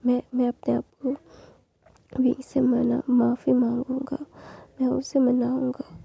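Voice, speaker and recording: A woman voicing a remorseful young man who begs his mother, in a hoarse whisper. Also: sits high, completely flat delivery, measured pace, dry recording, dull audio, exaggerated voice. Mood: pleading. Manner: pleading, apologetic.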